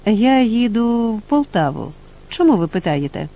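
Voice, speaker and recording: A calm, reserved male traveller who gives evasive answers in a fairly high voice, as a man plays him. The sound is dull and lo-fi. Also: moderate pace.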